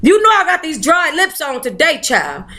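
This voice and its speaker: Reading to her book club, a woman uses a high, sharp voice that swings widely in pitch at a moderate pace. She performs the text with expression and keeps tossing in cheeky, casual asides.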